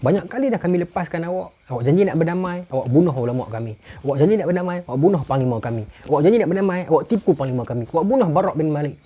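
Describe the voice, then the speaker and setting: A man's voice: on the high side, animated, racing, few pauses, dark tone, breathy edge. A man voicing a stern, angry caliph, who scolds a traitor with repeated accusations. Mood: angry scolding. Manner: raised, scolding, repetitive accusations.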